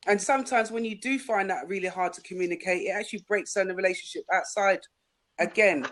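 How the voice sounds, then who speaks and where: A woman relationship coach explains her advice on a panel over a video call, in a steady, instructive way. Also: mid-range voice, quick pace. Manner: advising, explanatory. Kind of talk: casual panel discussion.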